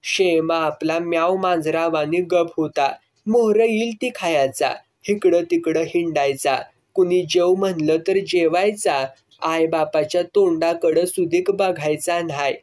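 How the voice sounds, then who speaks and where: A man's voice: on the high side, measured pace, a little mellow. Man narrating a village story vividly. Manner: vivid storytelling in rustic dialect.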